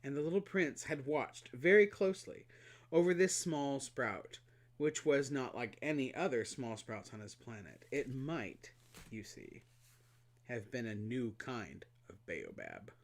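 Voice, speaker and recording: Expressive male storybook reader, lively pitch, animated and playful. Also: measured pace. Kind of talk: reading a storybook aloud.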